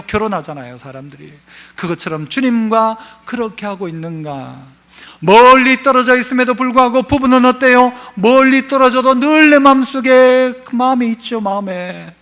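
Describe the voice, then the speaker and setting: A male pastor, preaching a sermon to his congregation. He swings between loud, fervent passages and hushed, low asides, and puts questions straight to the listeners. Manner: asks the congregation questions directly.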